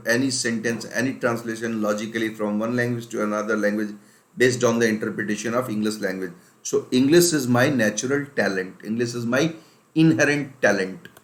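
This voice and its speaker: A male teacher from India leads an exam-prep vocabulary lesson at a mid-range pitch. He speaks with emphasis and repeats words over and over to drill them. His voice carries a roomy echo. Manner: mixes in English phrases.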